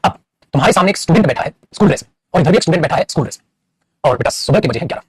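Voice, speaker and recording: A young man lectures an English grammar class, his husky voice leaping up and down in a lively way. He rattles on at a racing pace and calls his students beta and bhai. The sound is dry and close. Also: a little high, very fast, no room sound. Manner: animated, addresses students as beta and bhai, playful acted asides.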